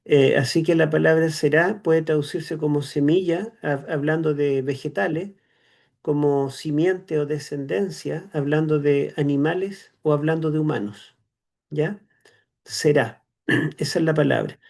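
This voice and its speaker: A Chilean man teaching a theology class, explaining slowly with many "eh" fillers and tag questions. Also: on the high side, gravelly, darkish tone. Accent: Chilean Spanish. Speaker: seminary teacher. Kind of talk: online theology lecture.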